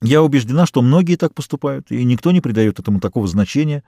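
A man reads a self-assured young woman, calm and unbending, speaking steadily. His voice stays dark and dry, with no room sound. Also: mid-range voice, fast talker, no echo. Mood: firm. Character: calm, stubborn young woman set on her choice. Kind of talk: audiobook character reading.

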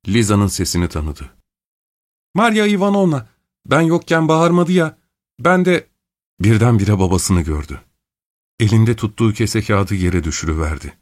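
A man reading a classic novel aloud, calm and measured. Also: no room sound, studio quality. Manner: calm, measured reading; raises pitch for female characters' quoted lines. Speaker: audiobook narrator. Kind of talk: scripted literary narration.

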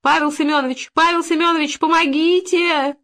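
A woman reading an audiobook, voicing a shrill, indignant woman neighbor who shrieks for help. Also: very animated, moderate pace, fairly bright tone. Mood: shrieking, hysterical. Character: shrill, hysterical middle-aged woman neighbor.

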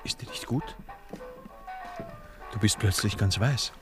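A man's voice: on the low side, takes it slowly. An actor playing a brooding, resigned man back from the war in a radio drama, talking earnestly and pleading. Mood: tender. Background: dance music from a gramophone.

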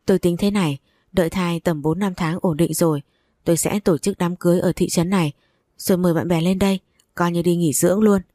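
A woman's voice: lowish voice, fairly even intonation, a little fast, dark tone, no echo, clean studio sound, close to an everyday voice. A woman voicing a caring but bossy older woman who scolds and fusses over a young woman in an audio story. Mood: fussing. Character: brisk caring older woman, future mother-in-law.

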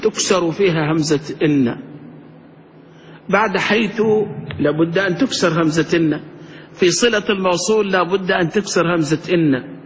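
Male grammar teacher, high voice, drills the class with questions, lecture recorded in a reverberant hall. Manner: quizzes students with questions, then answers them himself.

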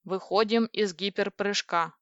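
A woman's voice: medium pitch, steady tone, a little slow, a bit bright, dry recording, close to an everyday voice. A woman reading the part of a sulky, sarcastic male spaceship computer, in a dull, dry audiobook recording. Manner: sulky, sardonic.

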